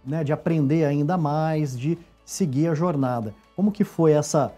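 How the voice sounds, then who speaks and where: A man's voice: on the high side, normal speed, dark tone, soft background music. A man hosting an interview, asking questions in an encouraging, affirming way. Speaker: interview host. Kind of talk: conversational interview.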